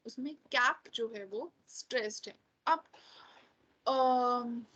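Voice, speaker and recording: Woman, husky, high-pitched, online lesson, slow careful explaining. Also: fairly bright tone, rough recording. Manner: explains slowly, checks with "right?". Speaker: English teacher. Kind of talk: exam-prep lecture in Hindi and English.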